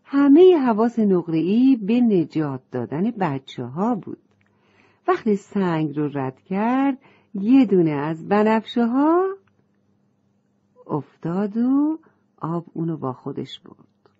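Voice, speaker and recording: Breathy woman reading a children's story. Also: mid-range voice, sing-song, highs cut off.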